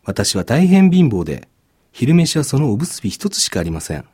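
A man's voice: mid-range voice, sing-song, normal speed, darkish tone, breathy edge, voice pushed up. A man voicing a poor, hardworking old man in a storybook reading, speaking in a humble, pleading way.

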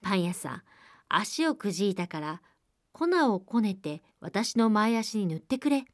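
A woman's voice: mid-range voice, animated, measured pace, dry recording, studio quality, natural voice. A woman voicing a cunning, hungry wolf in a storybook reading, coaxing in a falsely sweet voice. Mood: demanding.

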